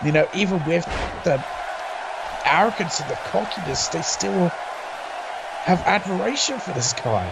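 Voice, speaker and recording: A man's voice: high voice, big pitch swings, a little slow, vocal fry, pauses often. A man giving wrestling colour commentary in a reactive, conversational way. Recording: loud crowd and background noise. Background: crowd noise.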